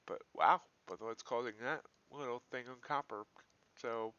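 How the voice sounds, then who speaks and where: With a medium-pitched voice that is bright, forceful, clear, and resonant, a man hosts a live futures trading stream at a slightly slow pace. He muses aloud in casual, folksy commentary, captured in dull, lo-fi livestream sound.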